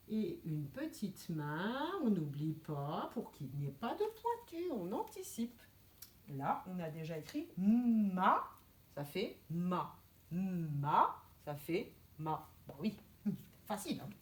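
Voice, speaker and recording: A woman teaching a kindergarten handwriting lesson, her voice rising and falling a lot as she explains each stroke. She is precise and gently firm with the children. The classroom gives her voice a noticeable echo. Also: medium pitch.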